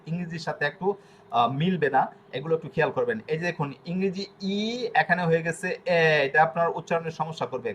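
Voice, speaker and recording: A man runs an online language lesson, his voice sitting a little high. He explains patiently and says each letter sound over and over. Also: fairly bright tone, a little hiss or hum. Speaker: language teacher.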